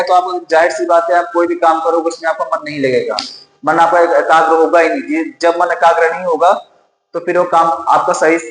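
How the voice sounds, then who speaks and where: A man teaching a lesson, repeating key points and asking and answering his own questions. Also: on the high side. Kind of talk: classroom-style lecture. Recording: roomy echo with long reverb.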